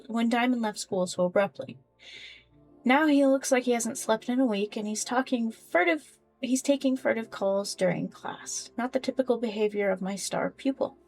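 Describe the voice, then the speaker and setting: A woman playing a story game, reading the dialogue and journal entries aloud in an expressive, casual way. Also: a little high. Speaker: game player voicing characters.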